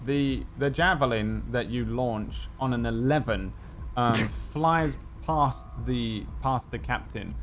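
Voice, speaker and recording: A man improvising tabletop game narration as game master, halting and thinking aloud. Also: medium pitch, background noise. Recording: music behind the voice.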